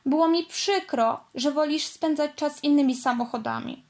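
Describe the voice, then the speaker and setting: A woman voicing a tearful little girl race car in a storybook, high and breaking with sobs. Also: moderate pace, a little mellow, natural voice. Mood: hesitant. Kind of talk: storybook read-aloud.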